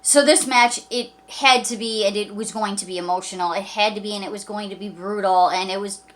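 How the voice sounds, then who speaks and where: A woman's voice: mid-range voice, fairly even intonation, a little fast. A woman recapping a wrestling show in a casual vlog, talking enthusiastically with many fillers and acting out quoted lines. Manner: acts out quoted lines in a mock voice.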